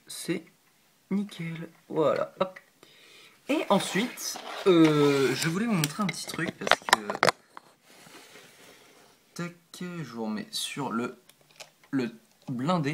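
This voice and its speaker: A LEGO builder with a medium-pitched voice presents his builds in a casual vlog, recorded at home on a nearby camera mic with slight background noise. He's hesitant and chatty, full of "euh", "hop" and "voilà" as he handles pieces, with little apologies and self-deprecating remarks.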